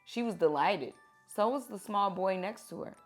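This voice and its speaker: In a medium-pitched voice, a woman reads picture books to children with expressive, deliberate teacherly delivery and questions to prompt them. Soft music plays in the background.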